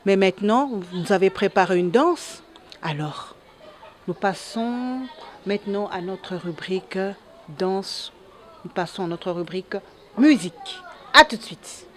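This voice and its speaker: Woman, presenter, cheerful, mid-pitched, announcing segments. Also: animated, measured pace, fairly bright tone.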